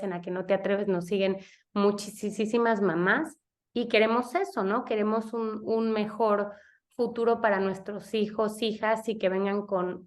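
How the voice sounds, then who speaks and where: A woman hosting a podcast interview, chatting in a reflective way with frequent tag questions. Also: mid-range voice. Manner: warmly reflective, frequent "no?" tags, restarts. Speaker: podcast host. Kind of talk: casual interview chat.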